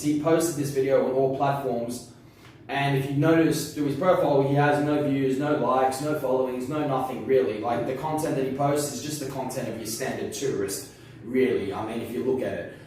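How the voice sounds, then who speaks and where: A man's voice: medium pitch, darkish tone, a little hiss or hum. Echoey, distant young man. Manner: rambling, swears casually. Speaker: interview guest. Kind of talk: casual interview. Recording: very echoey room from far off.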